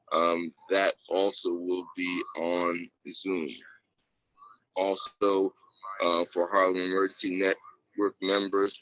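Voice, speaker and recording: Deep-voiced man over a two-way radio. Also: no room sound. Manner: measured delivery with many uh fillers. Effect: heard over a two-way radio. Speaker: radio net control operator. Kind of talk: reading announcements in radio procedure. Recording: muffled radio audio with faint hiss.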